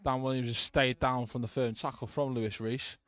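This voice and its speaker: A man giving live radio commentary on a football match from the stands, calm play-by-play with brief asides to listeners. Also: medium pitch, fairly quick, dry recording.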